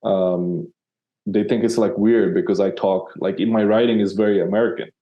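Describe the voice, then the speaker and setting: A man's voice: lowish voice, steady tone, normal speed, highs cut off. A man from Sri Lanka, a copywriter guest in an interview, talking casually with many fillers and restarts.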